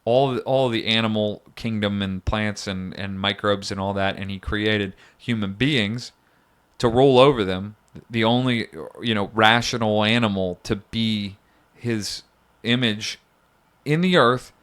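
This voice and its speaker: A man's voice: lowish voice, measured pace, a bit bright, clear, resonant tone. A young man co-hosting a podcast, talking in an earnest, rambling, argumentative way and laughing often. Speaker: podcast co-host. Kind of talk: casual chat.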